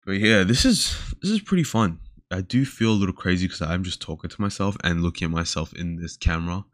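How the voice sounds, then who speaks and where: A man's voice: low-pitched, expressive, brisk, a bit bright, dry recording, studio quality. A young Australian man hosting a casual solo podcast, rambling with lots of fillers and trailing off mid-thought. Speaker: podcast host. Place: indoors talking alone to a camera.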